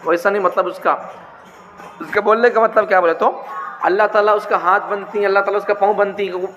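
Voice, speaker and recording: A man's voice: sits high, fairly even intonation, fairly quick, fairly bright tone, soft background music. A man giving a religious teaching talk, repeating his points and asking rhetorical questions. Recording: dull, echoey hall with faint noise.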